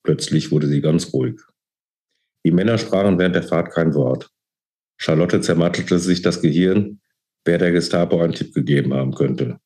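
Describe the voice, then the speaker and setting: Fields: Sex: male. Role: author reading his novel. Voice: deep, mellow. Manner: calm, measured. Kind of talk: book reading.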